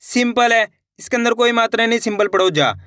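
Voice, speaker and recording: A man teaching Hindi reading, sounding out each word slowly syllable by syllable, then repeating the whole word, patient and encouraging toward viewers. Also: extremely high pitch, fairly bright tone, no room sound, clean studio sound. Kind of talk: online reading lesson.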